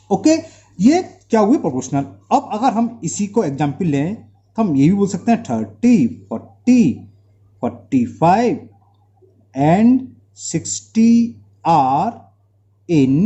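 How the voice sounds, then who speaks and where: A man with a high-sitting voice and dark tone teaches a maths lesson in an Indian accent, tossing rhetorical questions at the class and drilling terms by repeating them. Mouth sores make his speech slightly difficult.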